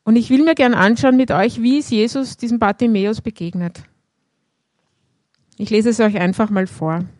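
A woman's voice: a little high, moderate pace, darkish tone, dry recording. Woman preaching with a dry, close sound. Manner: conversational, frequent "ja" tags. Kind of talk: sermon with Bible reading.

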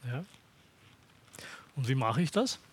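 A man preaching a sermon to his congregation in a conversational way, often pausing to ask "Ja?". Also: mid-range voice, sing-song, a little hiss or hum. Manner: conversational, checks in with the congregation by asking "Ja?".

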